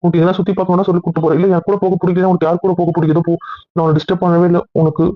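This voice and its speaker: A man playing a rapid-pleading young husband. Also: sits high, little pitch movement, no echo, natural voice. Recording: dull lo-fi dry recording.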